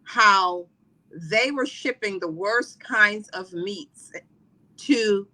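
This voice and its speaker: A wellness coach from Trinidad and Barbados, a middle-aged woman, speaks very slowly as a podcast guest. Her mid-range voice is bright and forceful, the recording is low quality, and her relaxed interview talk is full of fillers and restarts.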